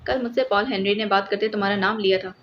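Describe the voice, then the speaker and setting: A woman's voice: medium pitch, steady tone, close to an everyday voice. A woman voicing a hot-tempered, blustering male police superintendent in an audiobook, with an angry, scolding tone. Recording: slightly muffled with faint hiss.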